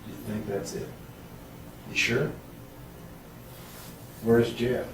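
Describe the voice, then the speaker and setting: A man's voice: mid-range voice, fairly even intonation, very slow, vocal fry. A man questioning someone as a police interrogator, methodical and probing, repeating answers back. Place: echoey interrogation room, far mic. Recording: echoey room, distant mic, heavy noise.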